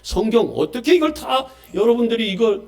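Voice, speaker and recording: A man preaching a Sunday morning sermon with a fairly high voice. He swings from loud, emphatic declarations to quiet, low asides. He keeps putting questions to the congregation and calling for amens. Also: animated, brisk. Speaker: pastor.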